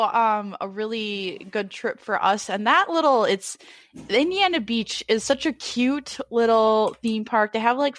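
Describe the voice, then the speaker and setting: A young woman with a fairly high voice, co-hosting a podcast in a lively, teasing way and laughing often. The recording is dry and close, with little room sound. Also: no echo. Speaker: podcast co-host. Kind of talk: casual chat.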